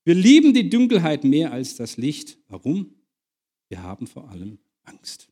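A male preacher with a husky, somewhat high voice delivers a sermon. He reads a story with lively swings of pitch, shifting from loud to hushed. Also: a little slow. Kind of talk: sermon with a read-aloud story.

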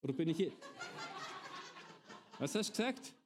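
A man's voice: a little high, big pitch swings, moderate pace, darkish tone, slight background noise. A middle-aged man preaching a sermon, often turning to his congregation with direct questions.

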